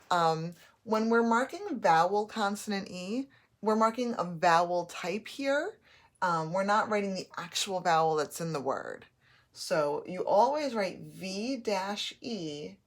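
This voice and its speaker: Woman, phonics teacher, slow and patient, low-pitched. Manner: slow, patient, sounding out letters and words. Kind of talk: phonics lesson.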